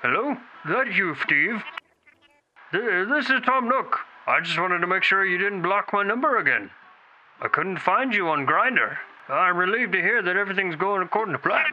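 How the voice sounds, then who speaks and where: A man's voice: a little high, very animated, moderate pace, muffled recording, slight background noise. A man voicing a scheming raccoon shopkeeper and landlord in a lightly raised, mock-polite voice. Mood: sly.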